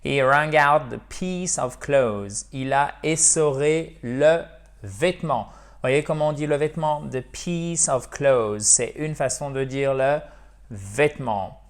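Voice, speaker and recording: French-speaking man teaching English, slow examples. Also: medium pitch. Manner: explains in French, slowly models English words; addresses viewers as dear friends. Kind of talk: video lesson.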